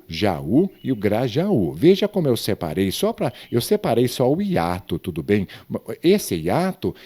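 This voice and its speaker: A man's voice: lowish voice, warm tone. A man teaching grammar in an online lesson, stretching words out emphatically and asking the viewer questions.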